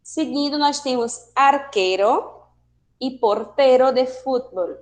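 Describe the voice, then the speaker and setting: A woman's voice: high voice, takes it slowly. A woman teacher with a Brazilian accent, explaining a language lesson patiently and asking her students questions. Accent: Brazilian Portuguese. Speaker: Spanish teacher. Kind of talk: online class lesson.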